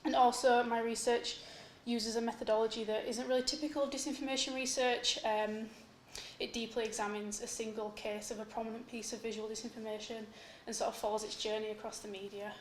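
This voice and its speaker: A woman's voice: fairly high pitch, little pitch movement, fairly quick. A young woman giving an academic conference presentation about her research as a PhD student. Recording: echoey room with faint noise.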